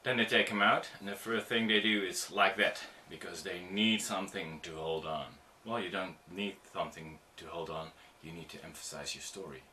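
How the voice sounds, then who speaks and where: A man's voice: low-pitched, bright, forceful tone, a little hiss or hum. A middle-aged man, giving an informal video tutorial on performing for the camera, with frequent ums and restarts. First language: Dutch. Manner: halting, many ums and restarts, demonstrative. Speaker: audiovisual producer teaching on-camera skills.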